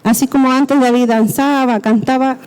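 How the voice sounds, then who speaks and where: Woman preacher, high mellow voice, explanatory sermon, reverberant church hall. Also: fairly even intonation, normal speed, clear, resonant tone. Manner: explanatory, checking in with the congregation.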